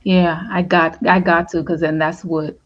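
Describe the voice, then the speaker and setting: A woman's voice: fairly low pitch, flat delivery, measured pace. A woman from the Bahamas, a trauma counselor speaking as a guest on a panel discussion, reflective and full of "you know". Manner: reflective, lots of "you know", laughs lightly. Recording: dull lo-fi sound.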